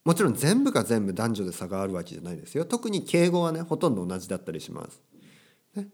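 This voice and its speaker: A man's voice: on the low side, huge pitch swings, fast, darkish tone, slightly rough. A young man teaching casually, with playful quotes of characters and phrases. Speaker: Japanese teacher. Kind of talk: casual language lesson.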